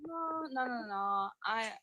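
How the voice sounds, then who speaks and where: A young woman in her early twenties calls in from home, talking hesitantly and nervously in a casual chat. Her voice sits a little high. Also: expressive, slow pace, pushed and bright, highs cut off. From Colorado. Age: 20s. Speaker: caller.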